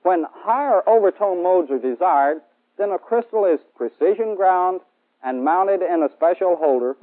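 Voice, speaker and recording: This American man in his thirties lectures in a formal, step-by-step manner as a military instructor in a 1960s training film recorded on an indoor studio set. His voice is slightly high, and the old band-limited soundtrack makes it sound phone-quality.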